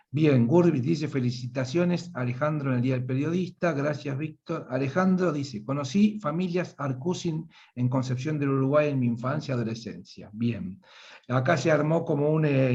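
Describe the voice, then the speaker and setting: A man's voice: medium pitch, vocal fry, darkish tone, lo-fi sound. A man with an Argentine accent hosting a live online panel, reading out audience comments and often repeating words as he searches for them. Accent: Argentine Spanish. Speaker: host and moderator.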